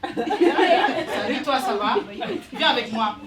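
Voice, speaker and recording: A male comedian voicing a bossy, flamboyant theater teacher who teases and barks sudden orders at a stand-up audience, recorded from a distance in an echoey room with loud crowd noise. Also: very high voice, lively intonation, slow, full character voice. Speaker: comedian in character. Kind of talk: stand-up character act. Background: audience laughter.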